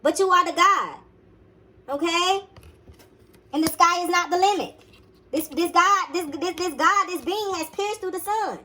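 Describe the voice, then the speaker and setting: A woman's voice: extremely high pitch, unhurried, pauses often, pushed and bright. A woman giving a blunt, profane motivational sermon to her listeners, casual and slangy, repeating her commands with emphasis. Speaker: spiritual teacher.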